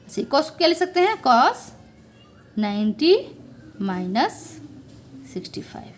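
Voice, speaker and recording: A woman's voice: sits high, sing-song, measured pace, slight background noise. A young woman maths teacher explaining step by step, talking to her students as children and checking they follow along. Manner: coaxing, checks understanding with frequent "okay"; addresses viewers as children.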